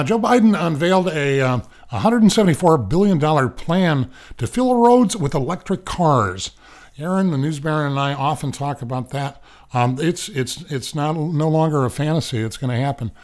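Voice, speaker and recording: A man's voice: a little high, expressive, moderate pace, darkish tone. Male radio host, casual news rundown from a studio, loose and jokey, lots of fillers. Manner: rambling, wisecracking asides.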